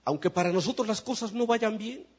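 A man preaching a sermon testimony, swinging between loud emphatic peaks and soft, low asides. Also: expressive, a little fast, breathy edge. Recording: muffled lo-fi sermon recording.

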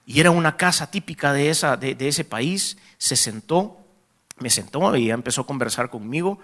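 A man with a Salvadoran accent preaching a testimony sermon, telling a story in lively fashion and addressing the congregation as brothers. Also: mid-range voice, normal speed.

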